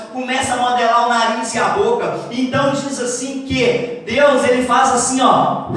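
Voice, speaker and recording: A lively preacher tells a Bible story at a camp gathering, talking to the crowd and calling volunteers up to act it out. The voice sits at a middle pitch and sounds far from the microphone. A big hall rings with heavy echo around every word. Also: a little hiss or hum. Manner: animated, talks to the crowd and gives playful stage directions. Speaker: preacher leading a camp skit. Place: large echoing hall at a church camp.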